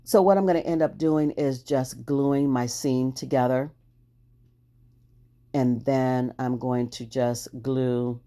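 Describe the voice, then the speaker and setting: A woman with a very deep, dark-toned voice narrates a crafting video in a casual way. She talks cheerfully through every step and laughs at the trouble she runs into.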